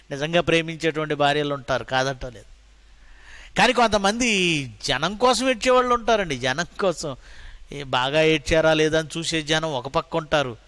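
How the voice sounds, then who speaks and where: A man with a Telugu accent preaching a sermon, asking rhetorical questions and quoting Bible verses dramatically, moving between loud and soft. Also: a little high, dry recording. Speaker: pastor.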